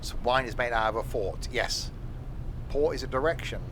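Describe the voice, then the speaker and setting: An English man of medium pitch streams a train simulator, offering casual, rambling, jokey live commentary at a moderate pace. Train game sounds and other background noise can be heard behind him.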